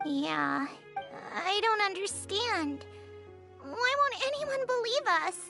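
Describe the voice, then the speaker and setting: A woman's voice: very high-pitched, slow, gravelly, exaggerated voice. A woman voicing a small, sweet, stubbornly hopeful girl creature in a video game, childlike and earnest. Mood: wistful, determined. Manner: earnest, expressive. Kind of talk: video game character acting. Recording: music behind the voice. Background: game music.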